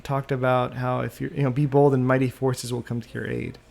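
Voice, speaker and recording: A man hosting a solo podcast, thinking out loud and often trailing off and restarting mid-sentence, into a desktop microphone. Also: mid-range voice, little pitch movement, brisk, creaky. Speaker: podcast host. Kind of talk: rambling solo podcast monologue. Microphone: USB desktop microphone.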